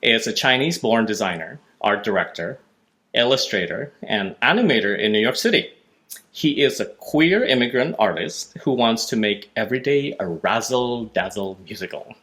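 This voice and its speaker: A man's voice: fairly low pitch, lively intonation, a bit bright. A man hosting a design podcast, friendly and easygoing, often laughing with his guest. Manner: friendly, laughs easily, slightly halting with fillers. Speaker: podcast host. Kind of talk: podcast interview.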